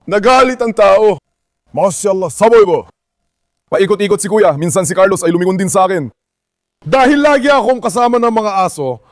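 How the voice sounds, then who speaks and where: A man's voice: high voice, no room sound, studio quality. A man hosting a dog vlog, coaxing his dogs with repeated calls and directing a helper while he handles them. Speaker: dog owner and channel host. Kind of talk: casual vlog chatter to camera and helpers.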